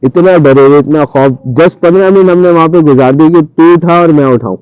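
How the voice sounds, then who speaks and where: Guy with ish telling a spooky story from his past, dark mellow voice, dry muffled sound. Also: a little high, brisk, clean tone, no echo. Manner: animated retelling, acting out his own past lines. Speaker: storyteller guest. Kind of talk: casual spoken ghost story. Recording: dull muffled radio-style audio.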